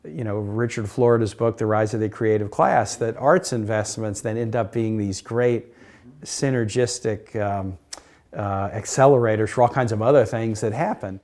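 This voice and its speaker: Brisk former mayor, low-voiced man. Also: darkish tone. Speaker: former city councilman and mayor. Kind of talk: documentary interview.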